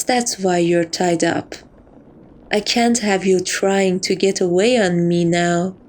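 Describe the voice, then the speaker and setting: In a romantic ASMR roleplay, a woman with a medium-pitched voice plays a seductive, possessive catgirl thief who dotes on her captive. She speaks softly, coaxing and teasing.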